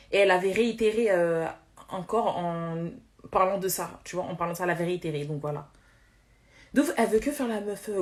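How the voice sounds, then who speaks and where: A woman on a live stream, ranting in a heated casual way, talking fast with slang and many restarts, irritated. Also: medium pitch.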